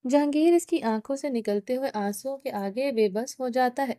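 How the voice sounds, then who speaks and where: High-voiced woman reading a novel. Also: no echo, studio quality. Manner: steady reading with small restarts. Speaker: novel reader. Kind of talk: audiobook narration.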